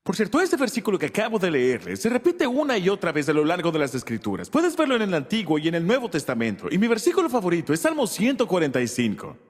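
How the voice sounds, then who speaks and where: A man's voice: sits high, quick pace, hardly any pauses. A man preaching a sermon as pastor, checking in with his listeners and joking about himself. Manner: animated, checks in with listeners, self-deprecating humor. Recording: long reverb of a large hall.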